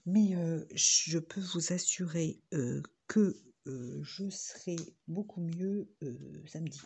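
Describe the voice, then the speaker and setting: A woman's voice: low-pitched, slow, creaky, mellow, breathy edge. A woman talking casually in a home vlog while crafting, rambling from one topic to the next, recorded on a phone on a tripod. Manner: rambling, chatty, jumping between topics. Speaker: vlogger.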